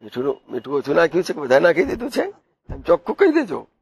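A man's voice: a little high, wildly swooping pitch, very fast, creaky, slightly rough, dry recording. A man giving a devotional sermon, telling stories and asking his listeners questions. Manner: storytelling, asks the listeners questions. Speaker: devotional preacher. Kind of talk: devotional discourse with storytelling.

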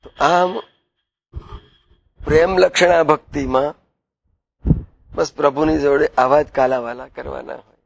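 A man's voice: a little high, fairly even intonation, a little slow, gravelly, pauses often, no echo. A man giving a devotional sermon, telling stories and asking his listeners questions. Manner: storytelling, asks the listeners questions. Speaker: devotional preacher. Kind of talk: devotional discourse with storytelling.

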